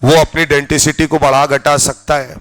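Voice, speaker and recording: A man's voice: a little high, little pitch movement, moderate pace, fairly bright tone, rough recording. A man teaching a chemistry class in Hindi, drilling students with repeated check-in questions and spelling out each term. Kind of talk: classroom lecture.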